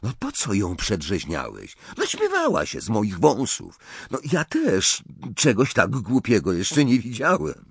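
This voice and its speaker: A man's voice: on the low side, wildly swooping pitch, measured pace, creaky, a bit bright, slightly rough, dry recording, full character voice. A man voicing an awkward, flustered teenage schoolboy wizard who stammers and hesitates.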